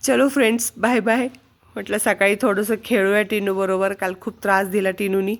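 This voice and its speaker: A woman's voice: medium pitch, little pitch movement, a little fast. A woman in a casual home vlog, talking in coaxing baby talk to her pet parrot. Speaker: vlogger.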